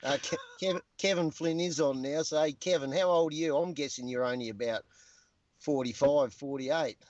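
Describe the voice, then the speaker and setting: A man's voice: on the high side, normal speed, a little mellow, no echo. Middle-aged man, crude joking banter, dry muffled sound. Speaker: guest. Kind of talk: casual chat.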